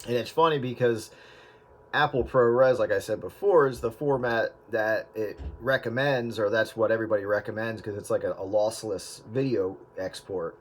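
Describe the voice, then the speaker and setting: This video editor from the US Northeast speaks in a fairly low register at normal speed. His casual chat about working on old footage wanders, full of filler words and false starts.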